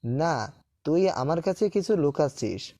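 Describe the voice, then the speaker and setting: An actor playing a caring young best friend in a Bengali audio drama, pressing with urgent questions. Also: male voice, a little high, sing-song, unhurried, dark tone, full character voice. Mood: worried.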